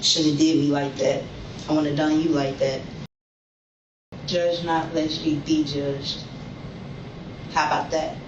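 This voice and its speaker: A middle-aged woman speaks in angry, defiant slang during a police interview. She is picked up by a distant camera in a bare, echoing room. A steady hiss of noise runs under her voice. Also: sits low, normal speed, long pauses, lo-fi sound. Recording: echoey room from far off, noisy.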